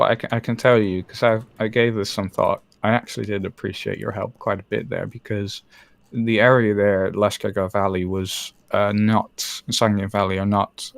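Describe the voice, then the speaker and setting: On the low side and gravelly, this man's voice comes through a dry recording. He's from the Netherlands and once flew Apache helicopters, and as a guest in a live-streamed interview he speaks candidly, frequently stumbling and starting over.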